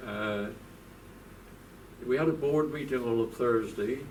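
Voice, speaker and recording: A man's voice: medium pitch, a little slow. A man in his nineties, a former football club secretary, telling anecdotes to an audience in a chatty way and acting out the people he quotes. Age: 90s. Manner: chatty, acts out quoted people in lively voices. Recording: distant mic with faint background noise.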